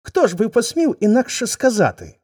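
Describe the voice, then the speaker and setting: A man's voice: very high-pitched, wildly swooping pitch, moderate pace, darkish tone, husky, pitched above the performer's own voice, heavily acted. A man voicing an eager, fawning male wolf in a folk tale reading. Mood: eager, curious.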